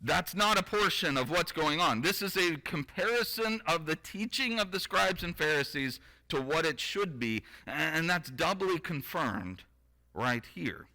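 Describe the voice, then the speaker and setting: A man's voice: on the high side, expressive, unhurried, bright, forceful tone, rough recording. A man preaching a sermon. He reads scripture aloud, then explains it in a conversational way, with wry asides to the congregation.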